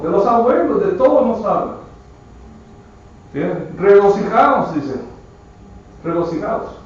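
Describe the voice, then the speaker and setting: A man's voice: a little high, a little hiss or hum. A man preaching a sermon with emphatic delivery, often addressing listeners as brother. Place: church. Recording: echoey church from far off, muffled.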